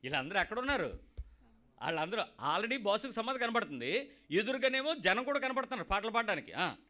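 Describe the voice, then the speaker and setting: High, bright-voiced man preaching with humor. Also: brisk. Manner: lively, joking, talks straight to listeners and acts out callers. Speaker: pastor. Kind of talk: sermon.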